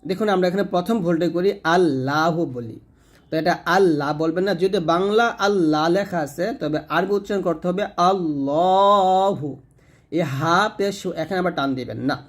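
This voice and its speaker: A man from Bangladesh teaching correct recitation in a spoken lesson, explaining patiently and then reciting slowly with drawn-out vowels. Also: high-pitched.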